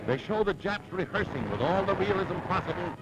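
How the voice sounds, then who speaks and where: A man's voice: high voice, lively intonation, fairly quick, creaky, heavy background noise. A man narrating an old 1940s newsreel with an emphatic, dramatic announcer delivery.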